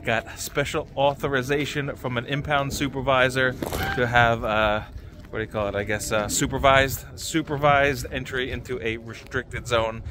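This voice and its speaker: A man in his thirties vlogging casually while walking through an outdoor car lot, excited and chatty, filmed on a handheld camera at arm's length. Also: medium pitch, normal speed, a little hiss or hum. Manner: excited, chatty, laughs often. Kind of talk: casual vlog walkthrough. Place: outdoor impound parking lot.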